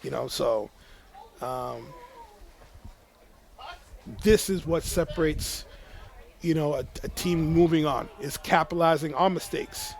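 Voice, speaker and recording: Gravelly-voiced man on football color commentary. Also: on the high side, takes it slowly, pauses often. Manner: chatty, fillers like "you know". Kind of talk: high school football commentary.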